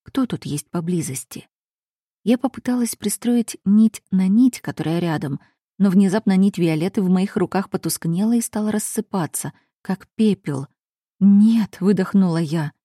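A woman's voice: medium pitch, normal speed, mellow, breathy edge, no room sound, studio quality. A woman reading a dramatic first-person fantasy audiobook with tense storytelling. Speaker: audiobook reader.

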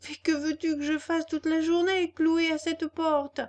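A woman voicing an impatient wooden puppet boy who talks high, loud and urgent. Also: level tone, a little slow. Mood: pleading impatient.

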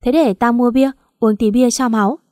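A woman's voice: a little high, fairly even intonation, moderate pace, a little mellow, dry recording, clean studio sound, natural voice. A woman voicing a nosy teasing girlfriend. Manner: teasing, gossipy. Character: teasing, nosy young woman best friend.

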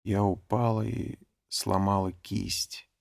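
A man voicing an elderly mother who speaks softly with a trembling voice. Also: fairly low pitch, level tone, takes it slowly, vocal fry, dry recording, studio quality. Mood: soft, shaky.

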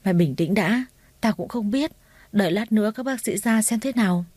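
A woman's voice: medium pitch, fairly quick, darkish tone, no room sound, lightly acted. A woman doing a blunt, caring girlfriend. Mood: reassuring. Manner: blunt, familiar. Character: blunt caring female friend, young adult.

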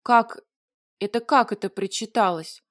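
A woman doing a squeaky, flustered young heroine. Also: no room sound, studio quality, natural voice. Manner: high, squeaky and whiny, chattering fast. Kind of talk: audiobook character voice.

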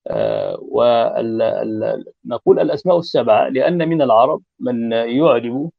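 A man delivers a grammar lecture in a mid-pitched, gravelly voice, working through each point in an explanatory way and pausing on long fillers. The recording sounds dull and lo-fi. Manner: deliberate, explanatory, frequent drawn-out fillers. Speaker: grammar teacher.

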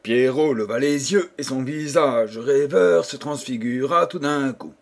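A man's voice: mid-range voice, measured pace. A man narrating a fairy tale audiobook expressively, speaking to listeners as dear children. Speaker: audiobook reader.

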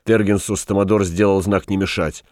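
A man reading literary prose aloud in a measured, even storytelling manner. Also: deep voice, no echo, studio quality. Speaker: audiobook reader. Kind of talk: scripted literary narration.

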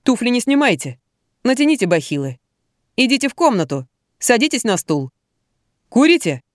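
A woman reading an audiobook, voicing a young man, a home doctor, who gives brisk instructions. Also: a little high, sing-song, no echo, clean studio sound, pitched above the performer's own voice.

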